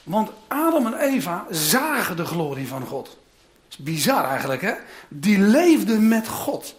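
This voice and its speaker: A preacher delivers a sermon with dramatic storytelling. The voice swings through a lively range of pitch and keeps breaking into casual asides to the listeners. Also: measured pace.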